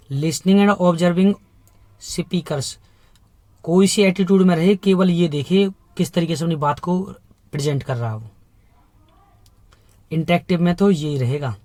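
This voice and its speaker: A man teaches an exam-prep lesson in a fairly high voice. He talks emphatically, asks his class rhetorical questions and repeats key points. The sound is close and dry, with no room echo. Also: a little mellow. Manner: explains in Hindi mixed with English terms, asks rhetorical questions.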